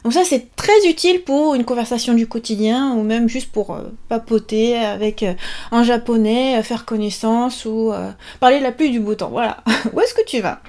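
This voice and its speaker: A bubbly woman with a fairly high voice gives a casual video lesson. She talks in a chatty, lively way, often pausing on fillers and dropping playful asides between explanations. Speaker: Japanese language teacher.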